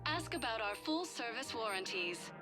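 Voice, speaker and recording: A woman voicing a video game shop kiosk announcer who reads upbeat store PA-style greetings and sales pitches. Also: sing-song, normal speed. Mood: promotional. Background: loud game music.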